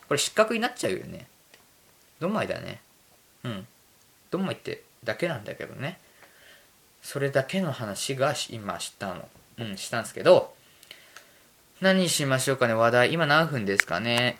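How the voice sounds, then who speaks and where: A man's voice: mid-range voice, a bit bright. Rambling self-mocking male podcaster. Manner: rambling, self-mocking, drifts between topics. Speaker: podcast host. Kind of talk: casual solo podcast chat.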